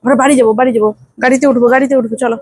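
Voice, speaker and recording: A woman's voice: high-pitched, fairly even intonation, racing, noisy background. A young woman from India filming a casual travel vlog outdoors on her phone, soothing a fussing toddler and repeating her words. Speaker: vlogger and mother. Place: outdoors at a temple and metro station.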